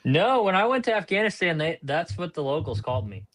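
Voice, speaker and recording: A man's voice: a little high, very animated, brisk, fairly bright tone. A man in a casual online discussion, chatting and telling a personal story over a video call. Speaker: study participant.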